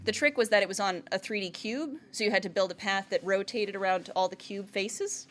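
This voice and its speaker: This woman speaks fairly quickly at a medium pitch during her presentation. An entrepreneur in her thirties from Vermont, she chats her way through it, often saying "like" and "right?" and laughing a lot.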